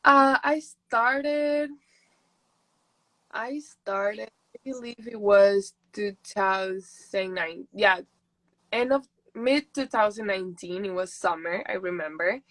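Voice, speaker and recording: A woman's voice: medium pitch, slow, fairly bright tone, no room sound, low-quality recording. A young woman from Peru, a native Spanish speaker, chatting casually and laughing often as an interview guest. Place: houseboat.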